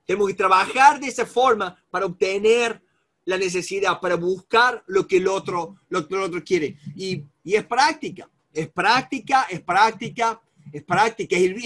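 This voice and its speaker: A man's voice: high-pitched, normal speed, fairly bright tone. A man with an Argentine accent giving a live seminar lecture on negotiation, talking animatedly, repeating himself and calling on participants by name. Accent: Argentine Spanish. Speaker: negotiation instructor.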